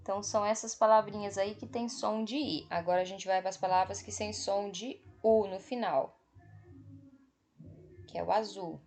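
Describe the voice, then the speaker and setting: A Brazilian woman teacher giving a slow, patient online spelling lesson for children, repeating each word and checking in with the class as she marks them on screen. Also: medium pitch, fairly even intonation, a little mellow. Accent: Brazilian Portuguese.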